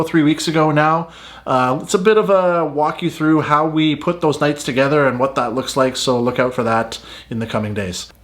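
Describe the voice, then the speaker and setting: A man hosting his own channel, chatting in an upbeat, enthusiastic way with plenty of fillers. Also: on the high side. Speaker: drummer and channel host. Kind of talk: casual vlog chat. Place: outdoors in cold weather at a farm shop; his home studio.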